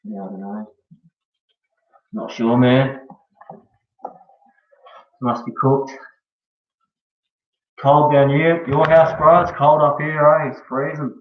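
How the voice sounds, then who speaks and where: A steady, mid-range male voice speaks slowly and pauses often. He's an Australian streamer chatting in a laid-back, slang-heavy way, regularly adding "eh" and "bro." The recording sounds dull and echoey, with him well away from the mic.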